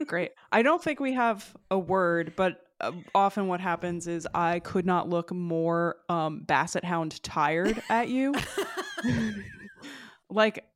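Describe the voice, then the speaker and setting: A woman's voice: fairly low pitch, takes it slowly. A woman co-hosting a podcast, chatting casually and telling wry, self-mocking stories. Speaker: podcast co-host. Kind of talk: casual chat.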